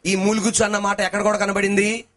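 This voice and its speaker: A male pastor preaching a sermon, swinging between shouted sing-song lines and lower talk, calling the congregation to answer back. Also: flat delivery, fast.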